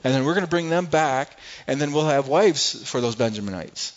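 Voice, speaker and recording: A man's voice: medium pitch, lively intonation, normal speed, lo-fi sound. A man preaching a sermon, retelling a scripture story dramatically and voicing the crowd in quotes, with many restarts.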